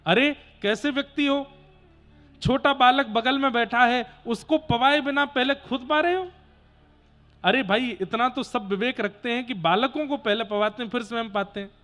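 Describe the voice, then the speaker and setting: A man's voice: extremely high pitch, moderate pace, bright, forceful tone. A man voicing a motherly village woman who scolds a hungry guest. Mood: scolding.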